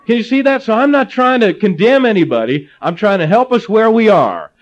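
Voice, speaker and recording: A man's voice: sits high, fairly quick, some chatter behind. A middle-aged male pastor from Ohio preaching a sermon, telling stories with jokey asides. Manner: animated storytelling, jokey asides. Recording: slightly dull lo-fi audio.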